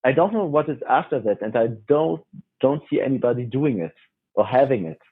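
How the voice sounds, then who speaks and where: Husky young man on a tinny line. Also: medium pitch, lively intonation. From France. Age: 20s. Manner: hesitant, halting with many restarts. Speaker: guest. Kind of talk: casual interview chat.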